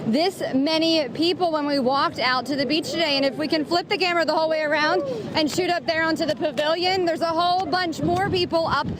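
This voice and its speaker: High-voiced woman reporting live outdoors. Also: a little fast, a crowd in the background. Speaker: TV field reporter. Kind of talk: live on-location news reporting. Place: outdoors at beach, streets and waterfront in storm. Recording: outdoor location noise with traffic.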